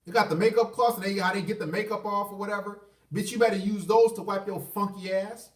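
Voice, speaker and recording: A vlogger with a high-pitched voice rants casually to camera at a quick pace, with fairly even intonation. He's blunt, crude and repetitive, often restarting phrases. The room is echoey and his voice is far from the mic.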